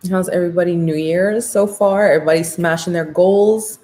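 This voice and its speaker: Female American live-stream makeup host, speech through new braces, lower-than-average register, excited and slangy, chatty with viewers. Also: a little fast. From Orlando, Florida, USA. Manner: talking with new braces on her teeth; upbeat, excited, informal and slangy.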